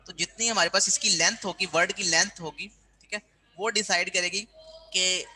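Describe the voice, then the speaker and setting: A man's voice: sits high, steady tone, moderate pace, sharp tone, slight background noise, rough recording. A man teaching a university class, explaining step by step and often checking in with his students. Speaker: university lecturer. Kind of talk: classroom lecture.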